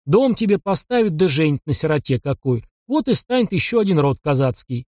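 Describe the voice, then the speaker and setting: A man's voice: a little high, big pitch swings, brisk, a little mellow, dry recording, clean studio sound. A man doing a weary old village constable. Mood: grumbling. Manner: gruff, mutters and sighs. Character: stout older village constable, weary and grumbling.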